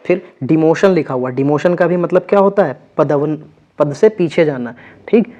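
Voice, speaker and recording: A man's voice: fairly high pitch, normal speed, dark tone. Man teaching vocabulary, lo-fi recording. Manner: repeats words with frequent check-ins. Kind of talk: exam vocabulary lesson.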